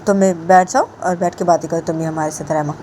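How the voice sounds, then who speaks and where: A woman's voice: lowish voice, steady tone, fast, warm tone, slight background noise, natural voice. A woman voicing a young man, a cousin who keeps repeating himself insistently in a homemade story. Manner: repetitive, insistent. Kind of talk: amateur storytelling voice acting.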